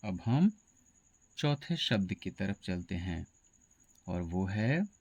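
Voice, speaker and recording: Slow-spoken man teaching pronunciation. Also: low voice, big pitch swings, a little mellow, no echo, lo-fi sound. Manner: slow, deliberate, spells words letter by letter. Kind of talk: pronunciation lesson.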